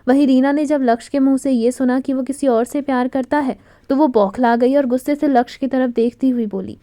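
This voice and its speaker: A woman storyteller giving an expressive, dramatic reading of a scripted romantic story. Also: sits high, a little fast, no room sound.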